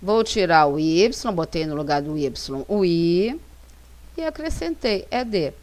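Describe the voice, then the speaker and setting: Lowish-voiced Brazilian woman teaching slowly. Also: very animated, a little mellow. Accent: Brazilian Portuguese. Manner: slow, careful dictation of example sentences. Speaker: English teacher. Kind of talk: slide lesson narration. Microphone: voice-over for slides.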